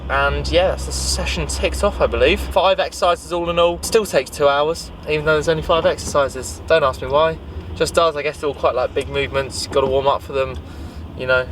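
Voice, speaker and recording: A man's voice: fairly high pitch, fairly even intonation, moderate pace, noisy background. A man chatting casually to his camera as a fitness vlogger, upbeat and loose, with plenty of fillers. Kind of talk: casual vlog chat. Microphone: handheld camera.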